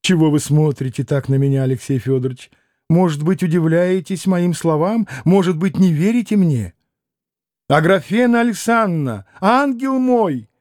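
A man's voice: a little high, moderate pace, warm tone, no echo, studio quality, natural voice. A man reading an audiobook voices a proud, anguished young noblewoman who pleads and exclaims passionately. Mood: excited. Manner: impassioned, pleading, rising to exclamations.

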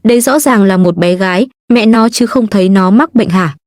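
A woman's voice: mid-range voice, normal speed, a little mellow, no echo, natural voice. Storybook role: woman reading a barking, scornful soldier captain, dry sound. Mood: gruff. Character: gruff male soldier captain, rude and bossy.

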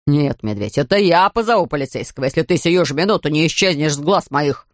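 A woman's voice: low voice, animated, fairly quick, no room sound, clean studio sound, pitched below the performer's own voice. A woman voicing an indignant bearded middle-aged man in a storybook. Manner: gruff and indignant.

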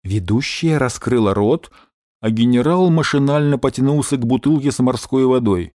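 A man narrating an audiobook with an expressive reading. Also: medium pitch, normal speed, no room sound, studio quality.

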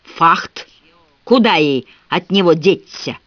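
A man's voice: a little high, animated, slow pace, no echo. A man playing a surly, grumbling old rustic with a wooden leg. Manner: gruff, grumbling. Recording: dull, dry lo-fi recording.

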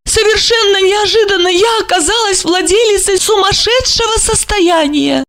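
A woman's voice: very high voice, normal speed, a bit bright, voice pushed up. A woman voicing a rich widowed woman who is theatrical and self-pitying, talking in an affected way with sighs and exclamations. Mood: plaintive.

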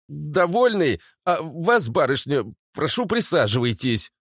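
A man's voice: fairly high pitch, very animated, measured pace, dry recording, clean studio sound, heavily acted. Man doing a terse, irritable family man. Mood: exasperated. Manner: terse, exasperated.

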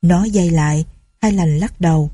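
A woman reading a story aloud in a steady, low-key way. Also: normal speed, slightly rough, dry recording, clean studio sound. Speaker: narrator. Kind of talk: storybook narration.

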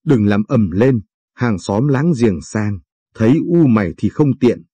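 A man reading the lines of a poor grieving peasant father in a radio story, quiet and plain-spoken. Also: lowish voice, expressive, a little slow, husky, no room sound. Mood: hushed urging.

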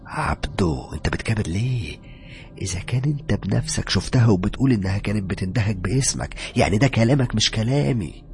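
A man voicing a joking, superstitious young male coworker with an Egyptian accent, loud and excitable. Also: lowish voice, quick pace, creaky, faint music behind, voice pushed up. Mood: teasing. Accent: Egyptian Arabic.

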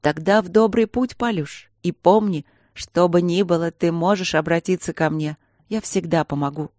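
A steady, protective older sister with quiet, earnest words, read by a woman in an audiobook. The voice is lowish. The recording is close and dry. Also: moderate pace, dry recording, close to an everyday voice. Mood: tender earnest.

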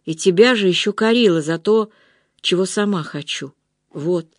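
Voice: medium pitch, normal speed, no room sound, clean studio sound, natural voice. A reader voicing a loyal young woman who pleads with and consoles a weeping friend in an audiobook. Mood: consoling. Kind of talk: audiobook reading.

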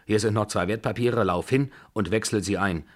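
A man voicing an imperious, quick-tempered old grandmother in a radio drama reading, scolding and giving orders. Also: fairly low pitch, natural voice. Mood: commanding. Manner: scolding, commanding, abrupt.

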